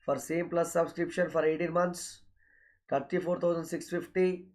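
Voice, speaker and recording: A man's voice: a little high, flat delivery, moderate pace, a little mellow. A man with a South Indian accent speaking as an online coaching teacher, announcing courses and schedules and repeatedly addressing his students. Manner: repetitive, often addresses students directly with filler okays.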